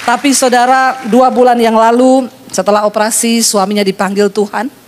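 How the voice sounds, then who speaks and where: A woman pastor delivers a sermon in a high, bright voice, telling stories and teasing her listeners with quick asides. A faint background noise hangs under her words. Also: some chatter behind. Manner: lively storytelling preaching, teasing the congregation.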